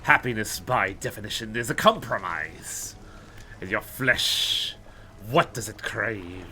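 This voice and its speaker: A man's voice: lowish voice, expressive, slow pace, sharp tone, slight background noise, full character voice. A man voicing an unhinged, grandiose cult leader villain, reading game dialogue in a strained, theatrical, ominous way. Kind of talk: dramatic read-aloud of game dialogue.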